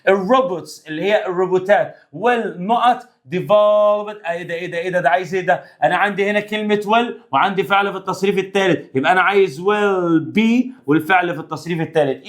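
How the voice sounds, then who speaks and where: A man's voice: sits high, fast, hardly any pauses. A man teaching an English grammar revision lesson in Egyptian Arabic, playful and talking straight to his students. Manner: playful, talks to students directly.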